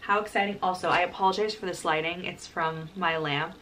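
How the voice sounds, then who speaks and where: A woman in her early twenties chatting casually to camera in a bubbly, excitable sorority-girl manner, often dropping in "like" as filler. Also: fairly low pitch, fairly quick, a little hiss or hum. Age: early 20s. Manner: frequent filler "like". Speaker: college vlogger. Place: parked car and small bedroom. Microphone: camera at about arm's length.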